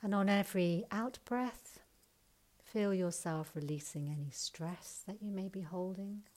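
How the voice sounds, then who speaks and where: A woman leading a guided breathing exercise, counting breaths and giving calm, soft instructions, sometimes close to a whisper. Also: medium pitch. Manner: slow soothing counting instructions.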